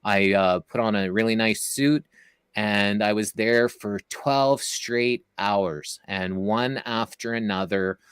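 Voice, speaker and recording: A man's voice: on the low side, fairly even intonation, slow, fairly bright tone, clean tone, no echo. A man telling a long story as an interview guest, casual and rambling, with many fillers and restarts.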